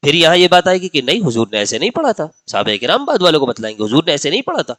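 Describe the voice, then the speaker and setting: A man giving a religious lecture, explaining points patiently and slowing into melodic chanted recitation of verses. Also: fairly high pitch, sing-song, fairly bright tone, no echo. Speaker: religious teacher. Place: mosque lecture gathering.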